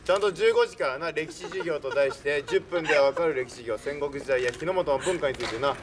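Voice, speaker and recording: A man's voice: on the high side, fast, crowd noise, natural voice. A young man playing a boastful, worldly-wise old samurai lord, giving jovial, emphatic life advice to visitors in archaic speech. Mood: wise, advising. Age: young adult. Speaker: costumed historical performer. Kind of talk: in-character talk show for castle visitors. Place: outdoor castle grounds beside a stone wall. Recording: noisy outdoor recording from a distant camera.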